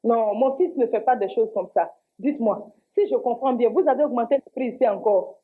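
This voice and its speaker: Ivorian woman scolding a shopkeeper, high voice, tinny phone-like sound. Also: slight background noise. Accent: Ivorian French. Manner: indignant, scolding, rapid complaints. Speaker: mother in a comedy sketch. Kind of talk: scripted comedy sketch. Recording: tinny lo-fi audio.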